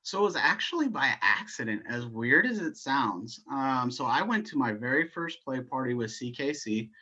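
A man talking as a guest on a podcast, with a bright, forceful voice. He tells his story animatedly and laughs often. The recording sounds somewhat dull and lo-fi. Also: medium pitch, expressive, moderate pace, husky. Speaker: guest, educator. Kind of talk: casual interview storytelling.

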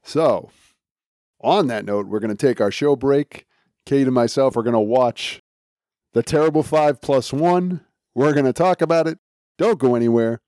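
A man's voice: mid-range voice, normal speed, a little mellow, no echo. Male podcast host, dry close sound. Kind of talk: casual chat.

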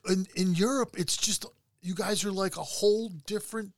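A man's voice: high voice, fairly even intonation, normal speed, no room sound. A man hosting a casual interview, keen and asking follow-up questions. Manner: engaged, eager follow-up questions. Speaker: podcast host.

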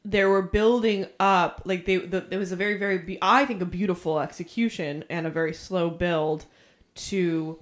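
A woman's voice: fairly low pitch, fairly even intonation, normal speed. A young woman co-hosting a podcast, chatting casually about movies in a rambling way, swearing and losing her thread. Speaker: podcast co-host.

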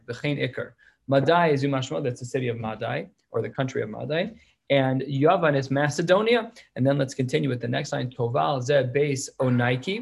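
This man's medium-pitched voice is creaky and slightly rough as he teaches the Talmud, reading Hebrew and Aramaic passages aloud and explaining each in casual, plain English.

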